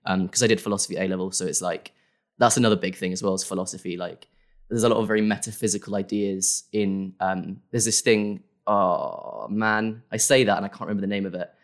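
A man's voice: sits low, fairly even intonation, a little fast. A young man talking casually as an interview guest, rambling with lots of fillers and restarts. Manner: rambling, many fillers and self-corrections. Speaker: guest creator.

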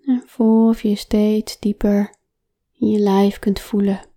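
A woman talks softly and calmly, slipping into a whisper for much of the exercise. Her tone is very dark and mellow, and she unhurriedly leads listeners through gentle body-awareness instructions. Her words come at a very slow, measured pace. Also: medium pitch. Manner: soft, calm, often whispering. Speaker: relaxation guide.

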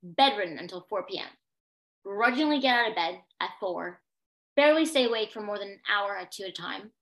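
A woman's voice: medium pitch, expressive, brisk, fairly bright tone. A young adult woman, a podcast guest, telling a personal story with intense emphasis and repeated phrases.

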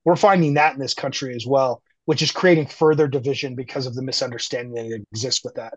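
A man's voice: medium pitch, fairly even intonation, fast talker, no room sound, poor audio. A man speaking earnestly and reflectively as a guest in a conversational podcast interview, from the United States. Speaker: guest artist.

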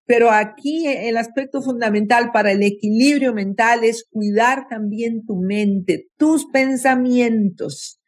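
A woman with a somewhat high voice talks about mental health in an interview. She is slow and emphatic and stresses key words. Now and then she mimics people's complaints. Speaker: guest psychologist.

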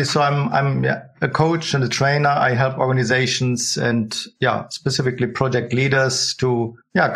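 A man's voice: mid-range voice, fairly bright tone. Man talking with many fillers. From Germany. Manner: hesitant, many fillers and restarts. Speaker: guest, project management coach. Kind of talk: casual interview talk.

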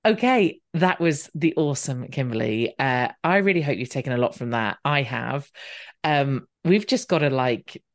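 A woman, hosting a podcast interview in a chatty, animated way. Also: extremely low pitch, normal speed. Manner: chatty and animated, laughs often. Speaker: podcast host. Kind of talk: casual interview chat.

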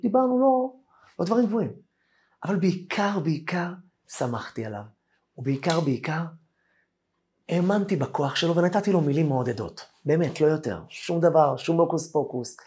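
A rabbi telling a classroom story in a Torah lesson, acting out the voices of the people in it. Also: male voice, on the high side. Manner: animated storyteller acting out quoted dialogue.

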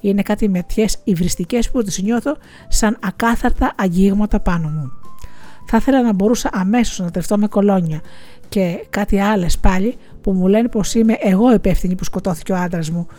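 A woman voicing a grieving, bitter widowed village schoolteacher in an audiobook, speaking in a quiet confessional way. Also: mid-range voice, soft background music, lightly acted. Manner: quiet confessional, tearful, resentful. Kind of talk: audiobook reading.

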